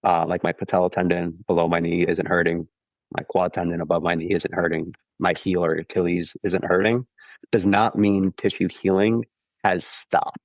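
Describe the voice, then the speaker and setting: This podcast features a man, congested from the flu he's recovering from, explaining running injuries in a casual, patient way and regularly asking "okay?". His low voice barely moves in pitch at a moderate pace, and the recording is dry and rough.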